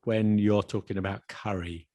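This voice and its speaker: A man's voice: on the low side, fairly even intonation, moderate pace, dark tone, dry recording, lo-fi sound. A man co-hosting a casual podcast chat, quizzing his co-host on slang in a playful, dry manner.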